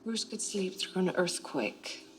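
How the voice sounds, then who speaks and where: An actress playing a guarded, career-driven wealthy woman, speaking in measured lines in a television drama. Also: fairly low pitch, lively intonation. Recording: TV drama with music underneath.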